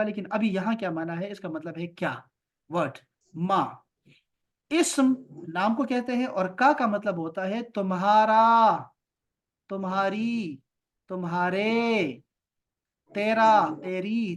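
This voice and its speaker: A man from Pakistan teaching an Arabic lesson, drawing out example words slowly between quicker explanations. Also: high-pitched.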